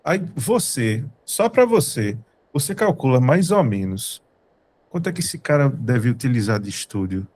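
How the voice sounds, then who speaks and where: With a Recife-Brazilian accent, a studio co-founder pitches to an online meeting, very animated and a little mellow, in a mid-range voice at a moderate pace. He speaks casually but emphatically, directly to the audience, repeating what matters.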